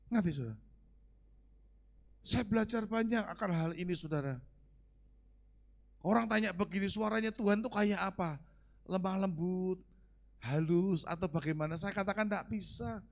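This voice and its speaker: A male pastor preaching in a gravelly, slightly raised voice. He talks to his congregation directly and often checks that they follow. His delivery moves between soft asides and loud, emphatic points. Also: sits high. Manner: conversational preaching, keeps asking the congregation questions. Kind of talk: sermon.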